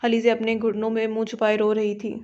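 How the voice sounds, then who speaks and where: A woman narrating a romantic audio novel in a steady, level storytelling voice. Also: fairly high pitch, quick pace. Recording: dull lo-fi audio.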